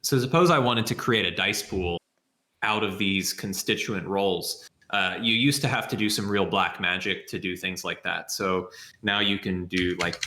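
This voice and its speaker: A man who is a software developer answering questions in a live session, thinking aloud and explaining things step by step. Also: sits low, moderate pace, roomy sound, a little hiss or hum. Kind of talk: live Q&A with screen demo.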